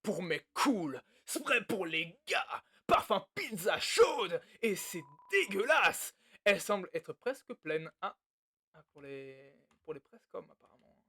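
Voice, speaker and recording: A man's voice: high-pitched, very animated, slow pace, fairly bright tone, breathy edge. A man playing a video game, reading its text aloud with crude, joking, muttered asides. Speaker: let's play host. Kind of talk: casual game commentary and reading.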